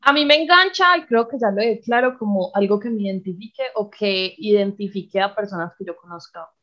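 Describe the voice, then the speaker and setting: A woman's voice: medium pitch, fairly quick, fairly bright tone, muffled recording. A Colombian woman co-hosting a podcast in casual, slangy Spanish sprinkled with English words. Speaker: podcast co-host. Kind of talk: casual, chatty podcast talk.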